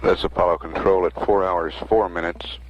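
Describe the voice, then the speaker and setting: Low, flat American mission control announcer. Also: male voice, highs cut off. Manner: measured, matter-of-fact. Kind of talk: mission status commentary. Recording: faintly noisy 1960s archive broadcast audio.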